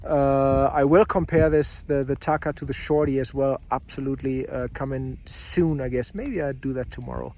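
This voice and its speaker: A man's voice: medium pitch, fairly even intonation, moderate pace, hardly any pauses, darkish tone. A man talking off the cuff in a casual gear review vlog outdoors at a ski area, thinking aloud between phrases. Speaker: snowboard reviewer.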